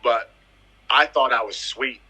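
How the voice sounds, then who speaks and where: A footballer in his thirties from the US Virgin Islands recounts his career in a casual interview, speaking emphatically and often repeating phrases. His medium-pitched voice is husky, bright and forceful, and he takes his time. The recording quality is rough.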